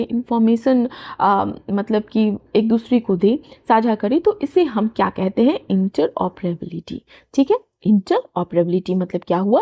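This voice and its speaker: A woman teaching English newspaper vocabulary, saying English phrases slowly and explaining them in quick everyday speech, often checking that listeners follow. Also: fairly high pitch, mellow. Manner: checks understanding with frequent "theek hai". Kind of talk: bilingual vocabulary lesson.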